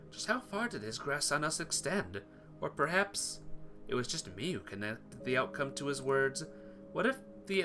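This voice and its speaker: Over background music, a man with a slightly high, bright, forceful voice narrates visual novel text aloud and acts out the dialogue. Now and then he stumbles over a word and corrects himself.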